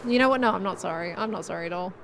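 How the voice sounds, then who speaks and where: A woman chatting casually to her live stream while playing a game, with a deadpan, monotone delivery. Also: on the low side, very fast, background noise.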